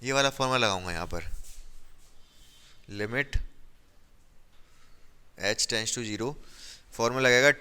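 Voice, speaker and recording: A man's voice: mid-range voice, slow pace, pauses often, bright, forceful tone, clear, resonant tone. A man teaching a maths class, talking through the steps while he writes and quizzing his students. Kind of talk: classroom lesson explaining at a board.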